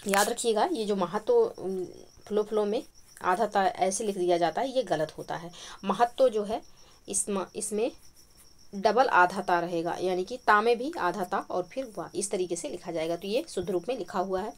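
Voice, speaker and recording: A woman teaching a spoken quiz lesson for an exam, explaining each answer in a steady, repetitive way, recorded at home at night. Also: mid-range voice, normal speed. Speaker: Hindi exam-prep teacher. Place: home at night, street noise outside.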